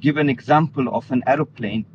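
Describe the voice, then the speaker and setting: Speaking briskly at a medium pitch, a man from Denmark takes part in an earnest religious interview as the guest. The audio is muffled and lo-fi, and background noise is clearly audible.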